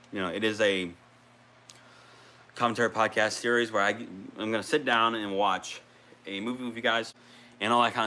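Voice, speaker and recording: A man's voice: on the low side, sharp tone, a little hiss or hum. A man rambling casually on a gaming vlog, restarting sentences and swearing now and then. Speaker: video creator.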